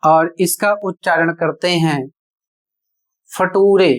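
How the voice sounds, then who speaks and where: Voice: medium pitch, slow. A teacher giving a spoken pronunciation lesson, spelling words out letter by letter and explaining each rule step by step with rhetorical questions. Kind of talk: classroom-style spoken lesson.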